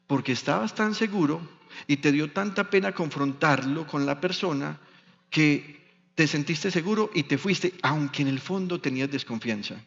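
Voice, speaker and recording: A man with a Medellín Colombian accent preaching a sermon as a pastor, telling stories slowly and with emphasis. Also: on the high side, fairly bright tone. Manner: storytelling, slow and emphatic. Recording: dull sound with long hall reverb.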